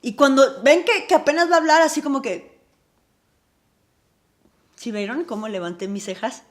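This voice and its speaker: A woman hosting an advice video, animated, posing rhetorical questions and answering them herself. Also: sits high, normal speed. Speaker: advice vlog host. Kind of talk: talking-to-camera advice lesson.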